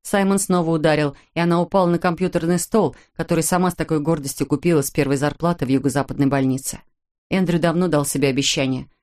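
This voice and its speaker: Woman, low voice, audiobook narration, measured, dramatic. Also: steady tone, darkish tone. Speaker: audiobook reader. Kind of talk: scripted narration.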